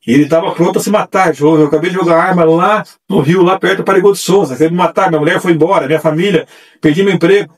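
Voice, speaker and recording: Fast-talking husky male evangelist. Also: on the high side. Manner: animated, acts out quoted voices. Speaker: church evangelist, guest. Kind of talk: testimony storytelling. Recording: distant mic.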